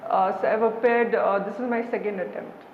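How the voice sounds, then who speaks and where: A young woman with a Kashmiri accent, answering formally and haltingly as a deferential interview candidate. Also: mid-range voice, steady tone. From Srinagar, Kashmir, India. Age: young adult. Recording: echoey hall, dull sound, background noise.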